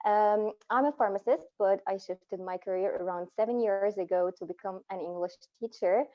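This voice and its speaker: A woman's voice: mid-range voice, normal speed. A woman in her thirties from Egypt, an Arabic speaker, who talks casually and encouragingly as an online English teacher. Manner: relaxed, encouraging, laughs often between phrases. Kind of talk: casual online class talk. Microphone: phone on a video call. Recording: dull lo-fi video call audio.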